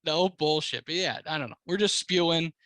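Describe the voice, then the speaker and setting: American man, frat-bro podcast co-host, crisp bright voice, sweary slang, casual chat. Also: a little high, normal speed, no echo, studio quality.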